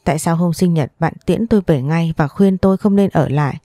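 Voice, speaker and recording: Woman storyteller, sorrowful first-person read, dark mellow tone, dry close mic. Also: fairly low pitch, no room sound, soft background music. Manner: sorrowful, measured reading.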